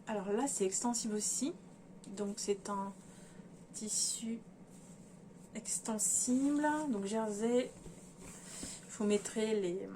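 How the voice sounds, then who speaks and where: A woman with a medium-pitched, slightly mellow voice chats casually about fabrics on a sewing vlog. Addressing viewers directly, she hesitates and thinks aloud with many fillers, and faint background noise can be heard.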